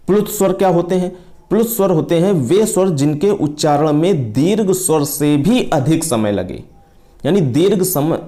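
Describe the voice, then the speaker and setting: A man's voice: on the high side, dark tone. A man teaching an exam-prep lesson, explaining step by step, repeating key terms and stretching sounds to demonstrate them.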